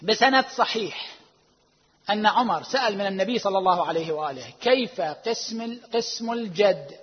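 Husky high-voiced man lecturing in a hall. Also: animated. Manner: emphatic, drawn-out stresses, swings between loud and hushed; rhetorical questions to the audience. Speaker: religious lecturer. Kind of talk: religious lecture citing sources. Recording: dull lo-fi recording with long hall reverb.

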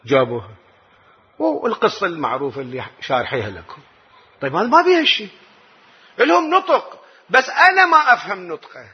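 A man's voice: high-pitched, wildly swooping pitch, quick pace, slightly rough. A man with an Iraqi Arabic accent giving a lesson explaining the Quran, asking rhetorical questions and answering them himself. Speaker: religious teacher. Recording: dull lo-fi recording.

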